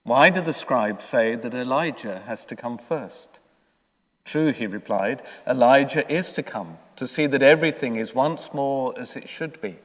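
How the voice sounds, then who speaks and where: A man, a priest, reading the gospel and preaching calmly in a long cathedral echo. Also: medium pitch. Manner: calm, conversational preaching with pauses. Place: large church. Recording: echoey church from far off.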